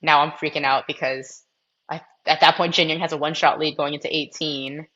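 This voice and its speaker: A young woman with a notably low voice tells tour stories in a loose, chatty podcast interview, her speech dotted with "like" and "um". The audio sounds a little dull and muffled, as if recorded on modest gear. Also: steady tone, brisk, a bit bright. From Massachusetts, US. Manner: chatty, frequent fillers like "like" and "um". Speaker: podcast guest, professional golfer. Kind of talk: casual storytelling interview.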